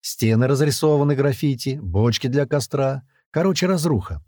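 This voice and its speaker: A man narrating a first-person action audiobook, jumping up in pitch and volume for shouted dialogue and dropping low for the tags. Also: expressive, moderate pace, dry recording, clean studio sound.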